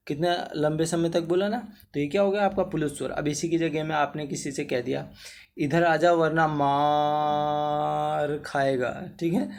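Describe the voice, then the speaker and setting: A fairly high, mellow male voice leads a Hindi grammar lesson geared toward exams. He calls everyone bhaiya, repeatedly asks "theek hai na," and drags out vowels to show how long each one lasts.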